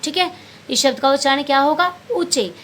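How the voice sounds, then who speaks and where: Slight background noise sits under a high-voiced primary teacher who speaks a little fast with a somewhat bright tone. Patiently going over a Hindi workbook lesson, she calls her young pupils beta and answers her own questions.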